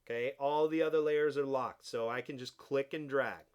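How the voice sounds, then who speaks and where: A man teaching a design class, walking students through software steps in a relaxed, explaining way. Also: mid-range voice, moderate pace, smooth, highs cut off. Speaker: design instructor. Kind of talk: software tutorial.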